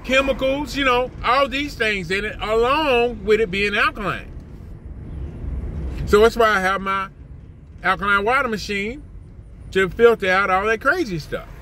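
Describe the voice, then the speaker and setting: An older vlogger sits in his parked car, ranting animatedly and indignantly into a phone camera held at arm's length. He talks a little slowly with frequent pauses, repeats his points, and his pitch jumps when he gets worked up. There's slight background noise.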